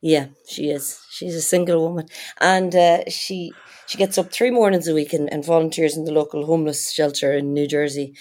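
A woman's voice: low voice, fairly even intonation, moderate pace, darkish tone. A woman, chatting casually. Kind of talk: casual chat.

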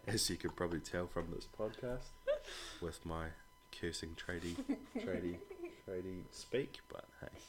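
A little slow and wildly swooping in pitch, a low male voice with an Australian accent carries a casual podcast chat about the speaker's children. He's relaxed and blokey, dropping some swear words, and slight background noise is present.

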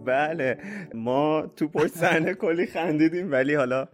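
A man's voice: a little high, faint music behind. A man co-hosting a podcast, chatting casually about a book chapter. He is easygoing and laughs often. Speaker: podcast co-host.

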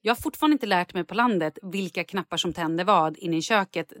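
A woman's voice: fairly low pitch, fairly bright tone, no room sound, clean studio sound. A woman co-hosting a casual chat podcast, telling stories animatedly, acting out scenes and swearing freely. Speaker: podcast co-host.

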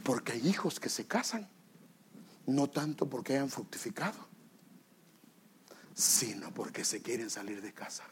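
A man's voice: medium pitch, big pitch swings, a little slow, pauses often, slight background noise. A male pastor giving a sermon, building to emphatic exhortation and acting out quoted voices.

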